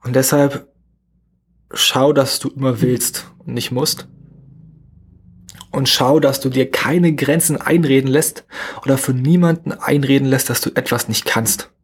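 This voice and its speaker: Fast, husky young German man podcasting. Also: medium pitch, fairly even intonation. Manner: fast, slightly mumbled casual speech. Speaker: podcast host. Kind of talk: motivational solo podcast talk.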